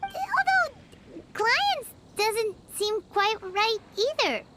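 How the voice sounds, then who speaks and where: A squeaky excitable fairy companion, Paimon. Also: female voice, extremely slow, slight background noise, exaggerated voice. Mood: exasperated. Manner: squeaky, exclaiming, refers to herself by name. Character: tiny floating female fairy companion, excitable and blunt. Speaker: game character. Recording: studio game audio with loud music.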